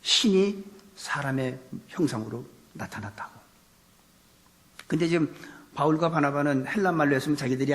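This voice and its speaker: A male pastor giving an animated sermon, asking rhetorical questions and raising his voice for emphasis. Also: mid-range voice. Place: church sanctuary. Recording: long reverb of a church hall.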